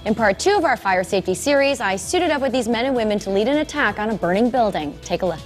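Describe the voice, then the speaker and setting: A woman reporter speaks in a high, quick voice. She presents and asks short, practical questions, with light background music. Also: expressive. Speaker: news reporter. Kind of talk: spoken report and casual on-scene questions.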